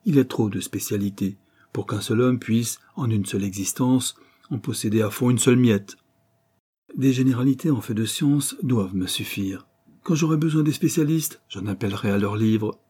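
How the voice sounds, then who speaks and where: A man's voice: mid-range voice, normal speed, dark tone, breathy edge, close to an everyday voice. A man voicing an earnest young sailor.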